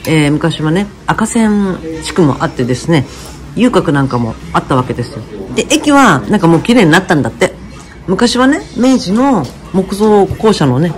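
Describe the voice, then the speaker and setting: A woman with a chatting and teasing her companion on a casual walking vlog. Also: on the low side. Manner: chatty, teasing, lively dialect banter. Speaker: travel vlogger.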